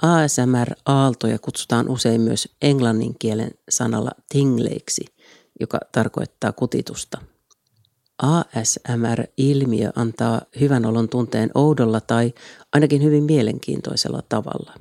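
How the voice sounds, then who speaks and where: A man hosting his own podcast, reading a scripted solo episode in a calm, even way from a small home studio. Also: medium pitch, gravelly, dry recording. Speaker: podcast host.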